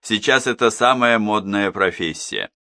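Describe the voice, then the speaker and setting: A man's voice: lowish voice, measured pace, pushed and bright, no room sound, studio quality. A man voicing a genial peacemaker who pours the wine and gives toasts. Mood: cajoling. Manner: cajoling, toasting.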